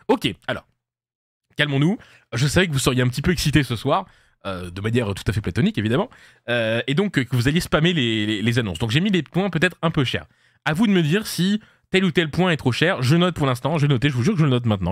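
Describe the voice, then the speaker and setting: A man talks fast on a live stream, joking and reading his chat aloud. His pitch swings widely as he goes. The sound is close and dry, with no room around it. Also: fairly bright tone, no room sound.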